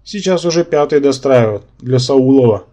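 A man's voice: mid-range voice, dark tone, close to an everyday voice. A man voicing a know-it-all brain-polyp symbiont. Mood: lecturing. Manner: lecturing, quick to take offence.

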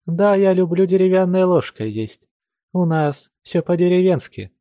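A male reader voicing a lively, naive young village girl who talks coyly and teasingly. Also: sits high, moderate pace, dry recording, pitched above the performer's own voice. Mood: girlish, playful. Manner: playful, coy, teasing.

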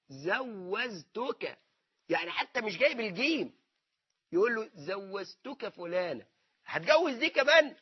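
Egyptian guy teaching religion, high husky voice, keeps asking and answering himself, dull lo-fi sound. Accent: Egyptian Arabic. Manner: asks rhetorical questions and answers them himself. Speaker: Islamic scholar teaching. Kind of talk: religious lesson.

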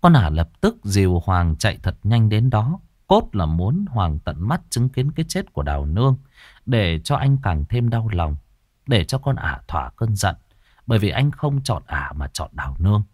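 Male ghost-story narrator, lowish voice with a lively melody, dry close sound. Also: normal speed, dry recording. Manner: dramatic, expressive.

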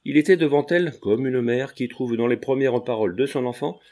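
Male audiobook narrator, mid pitch, measured storytelling. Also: mellow. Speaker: audiobook reader. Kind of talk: scripted narration.

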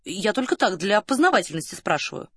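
A woman's voice: medium pitch, sing-song, brisk, breathy edge, no room sound. A woman voicing a prim, earnest male staff captain, timid and apologetic. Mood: sheepish.

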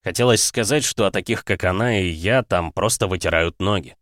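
A man reading a first-person story aloud in a measured, even storytelling manner. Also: sits low, no room sound, studio quality. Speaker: audiobook narrator. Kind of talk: first-person scripted narration.

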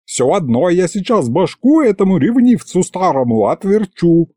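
A man's voice: on the high side, huge pitch swings, moderate pace, warm tone, no room sound, clean studio sound, pitched above the performer's own voice. A man voicing a brash, hot-tempered older village woman who wails and protests in folksy speech. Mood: outraged. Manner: wailing, folksy and indignant.

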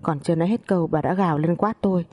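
A woman narrating a family story in the first person, calm and measured. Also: on the low side.

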